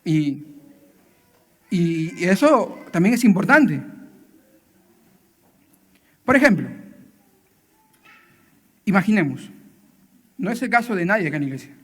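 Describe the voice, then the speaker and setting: A man with a high-pitched voice preaches to families at church, chatty and direct, peppering his talk with quick tag questions. He acts out little scenes between parents and children. A long reverb trails behind his words in the hall. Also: very animated, fairly bright tone, husky. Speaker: church speaker. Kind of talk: sermon.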